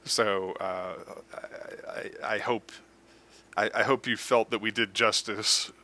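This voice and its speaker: A man's voice: lowish voice, steady tone, slow pace, bright, forceful tone. A man in his forties hosting a podcast, joking around with frequent laughs and stammered restarts. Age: 40s. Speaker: podcast host. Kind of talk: casual chat.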